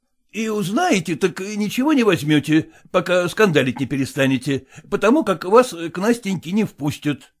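A man voicing a smug, old-fashioned merchant who speaks in an obsequious, drawn-out way. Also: sits high, very animated, voice pushed up. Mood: placating. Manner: obsequious, drawn-out, adding a polite "-s".

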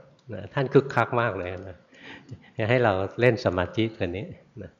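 A man, a Buddhist monk, telling a story in a relaxed sermon, often adding soft tag words, on a dull lo-fi recording in a sermon hall. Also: fairly low pitch, normal speed. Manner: relaxed storytelling with frequent "na" tags.

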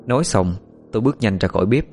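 A man narrating a first-person story in a steady, calm storytelling manner. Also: fairly low pitch, quick pace, soft background music.

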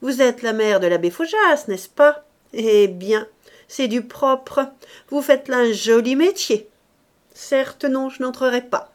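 A woman's voice: fairly high pitch, expressive, a little slow, dark tone, breathy edge, pitched above the performer's own voice. A woman reading an audiobook, voicing a sarcastic judge's wife who speaks with cutting, over-polite mockery. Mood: indignant. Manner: mocking, terribly polite tone.

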